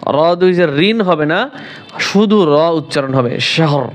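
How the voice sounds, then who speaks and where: Bangladeshi Bengali male Quran tutor, very unhurried, spells each syllable before chanting the verse. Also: fairly high pitch, lively intonation. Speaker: Quran recitation teacher. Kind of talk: spelling-out Quran lesson with slow recitation.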